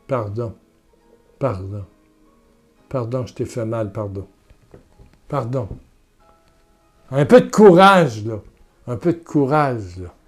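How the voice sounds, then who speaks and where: Speaking in a mid-range voice, this Québécois-accented man leads a guided prayer as part of his sermon. His delivery is earnest and full of repetition, alternating between forceful urging and soft murmurs.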